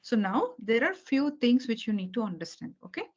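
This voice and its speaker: This woman's voice sits on the high side, moving a little fast with big swings in pitch. She's giving a beginner programming lesson by video call, patiently repeating the main ideas and asking "okay?" or "right?" nearly every sentence to make sure she's understood. It's dull, lo-fi call audio.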